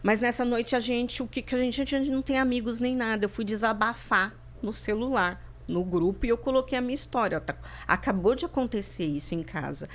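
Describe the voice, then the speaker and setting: A woman's voice: fairly high pitch, a little fast, few pauses. A woman from Brazil speaks as a podcast guest. She talks in a reflective, searching way, repeating and restarting her words as she works through what she means. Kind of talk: personal interview talk.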